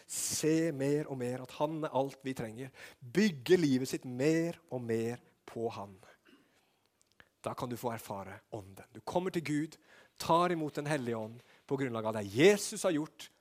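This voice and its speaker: A man preaching a sermon with fervor, often shouting and then dropping to a hush. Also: medium pitch, expressive. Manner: fervent, often shouting, with swings between loud and hushed.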